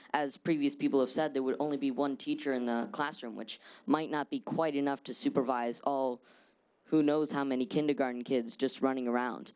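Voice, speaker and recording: Confident young male presenter, smooth voice. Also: mid-range voice, darkish tone. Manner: confident, hesitant fillers, many "uh"s. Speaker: presenter at a mock school board meeting. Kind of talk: formal presentation and answering questions.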